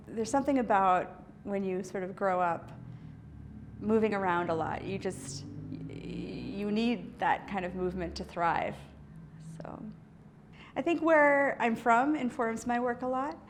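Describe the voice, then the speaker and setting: A woman's voice: medium pitch, sing-song, slow pace, slight background noise. A woman artist from the US East Coast in a casual interview, talking thoughtfully with many fillers, restarts and light laughs. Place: indoor art studio.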